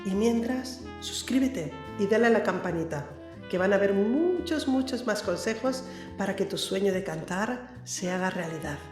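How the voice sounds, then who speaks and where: A woman's voice: medium pitch, lively intonation, normal speed. Emphatic woman singing coach. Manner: emphatic, addresses viewer directly with frequent "¿eh?". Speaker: singing teacher. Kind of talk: vocal coaching lesson to camera. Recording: echoey room with faint background music.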